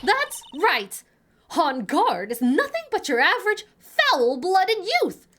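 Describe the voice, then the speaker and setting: A woman voicing a loud, pushy old woman witness who loves gossip, in a video game playthrough. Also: huge pitch swings, slow, slight background noise, full character voice. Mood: shrieking. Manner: shrill, pushy and scolding.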